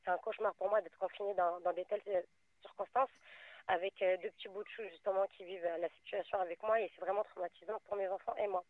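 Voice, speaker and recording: A woman calling in over a phone line, a mother telling her situation in a halting, distressed way with many fillers. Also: mid-range voice, fairly even intonation, dry recording. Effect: heard over a phone line. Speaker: caller. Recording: tinny phone line from far off.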